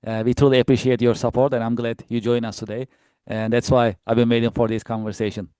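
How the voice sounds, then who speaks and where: A man's voice: medium pitch, level tone, quick pace, mellow, clear, resonant tone, no room sound. A man hosting a podcast interview, politely thanking his guest and hesitating with frequent uhs. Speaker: podcast host.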